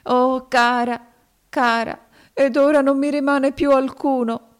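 A woman's voice: a little high, measured pace, mellow, pitched above the performer's own voice, lightly acted. A woman voicing a grief-stricken young girl who sobs and wails in desperate, wild lament. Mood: sobbing despair. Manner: desperate, wailing, sobbing.

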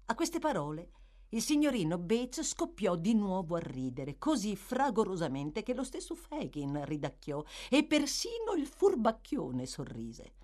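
A woman narrating a classic novel as an audiobook, with expressive, dramatic storytelling. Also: mid-range voice, a little slow. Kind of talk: scripted literary narration.

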